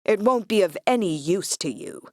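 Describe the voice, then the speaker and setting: A woman voicing a gruff American male archaeologist with a harsh drawl in an audiobook. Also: mid-range voice, lively intonation, moderate pace, no room sound, studio quality, natural voice. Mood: urgent. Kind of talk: audiobook character voice.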